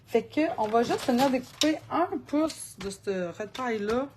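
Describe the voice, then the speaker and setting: A woman with a Québécois French accent hosts a live card-making demo, her somewhat high voice animated at a normal speed. She rambles talkatively and laughs often over a noisy background.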